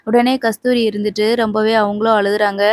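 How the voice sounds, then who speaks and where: A woman's voice: mid-range voice, flat delivery, brisk, a little mellow, no echo, studio quality. A woman chattily retelling a TV serial episode, repeating herself as she goes. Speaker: serial promo reviewer.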